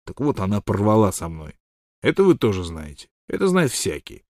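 A man's voice: fairly low pitch, wildly swooping pitch, a little mellow, no echo, studio quality. A man reading an audiobook, voicing a hot-tempered, lovesick rich male miner who blusters and pleads. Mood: confiding. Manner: blustering, pleading, quick to rage. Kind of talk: audiobook character voice.

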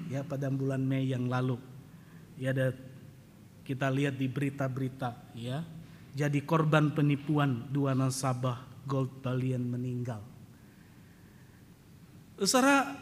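Bright-voiced preacher in a reverberant church. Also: male voice, a little high. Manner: animated, humorous storytelling, rising to loud emphasis. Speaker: pastor. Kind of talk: sermon. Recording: church hall reverb, faint ambient noise.

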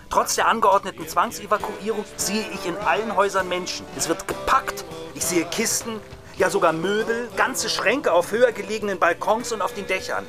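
In a German radio drama, a man in his thirties plays a radio reporter who is cynical, hot-tempered and pompous, prone to coarse swearing. His voice is high-pitched.

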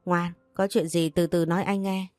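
A woman's voice: on the low side, level tone, normal speed, darkish tone, no room sound, natural voice. A woman voicing an indulgent young husband in an audio story, soothing and placating. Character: indulgent young husband doting on his sister.

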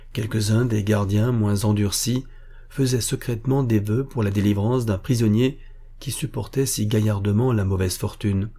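A man narrating a historical adventure novel in a steady storytelling manner. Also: fairly low pitch, breathy edge. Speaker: audiobook narrator. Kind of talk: scripted narration.

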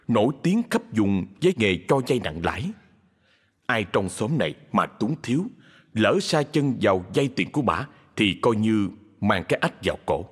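A man narrating a ghost story, in an expressive, dramatic reading. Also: lowish voice, breathy edge, in a large hall. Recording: faint music underneath.

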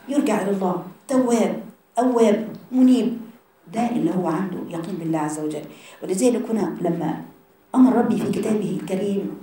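Woman, Egyptian accent, impassioned lesson, rhetorical questions, warm tone, echoey distant recording. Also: medium pitch, a little hiss or hum. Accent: Egyptian Arabic. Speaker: religious teacher. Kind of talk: Quran lesson to women. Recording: echoey hall from far off.

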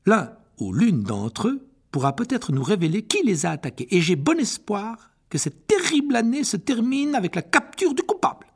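A strict older schoolmistress speaks crisply from an audiobook reading, put on by a male narrator. The voice sits well above his own and swings widely. It sounds a little husky. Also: high voice, sing-song, normal speed, few pauses, voice pushed up, full character voice. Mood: hopeful. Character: stern older female teacher, strict.

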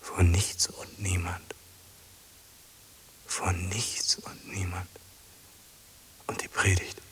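In a German radio drama, an actor voices a lonely, obsessive man who pleads anxiously and mutters to himself in short, repeated phrases. His low, husky voice stays level and moves extremely slowly, a bit bright in tone and often sinking to a whisper. The performance is heavily acted and the mood is despairing.

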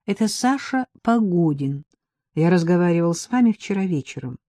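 A woman reading the lines of an impatient, pushy young man who turns abrupt and insistent, in a dry, low, mellow voice. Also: animated, moderate pace, dry recording, natural voice. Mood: strained politeness. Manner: abrupt, insistent, then deflated.

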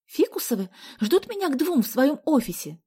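A woman's voice: high-pitched, big pitch swings, moderate pace, dark tone, pitched above the performer's own voice. A woman reading an audiobook aloud, voicing an eager, whiny teenage girl. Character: excitable teenage girl Sonya, eager and pleading. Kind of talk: audiobook character voice.

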